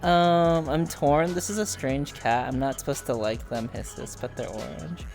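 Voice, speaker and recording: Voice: medium pitch, normal speed, a little mellow, soft background music. A podcast host in casual interview chat on a stream, chatty, joking and rambling.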